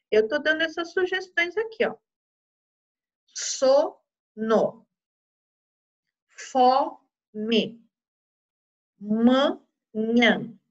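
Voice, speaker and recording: Brazilian teacher lady, high voice, patient with little kids, kinda muffled recording. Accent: Brazilian Portuguese. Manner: gentle, patient, uses diminutives and checks in often. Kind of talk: online class for young children.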